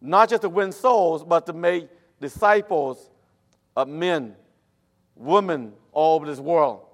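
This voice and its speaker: A man from Cambodia, a native Khmer speaker, preaching a church sermon in halting English with a Cambodian accent. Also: fairly high pitch. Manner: halting, with nonstandard English phrasing. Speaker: missionary guest preacher.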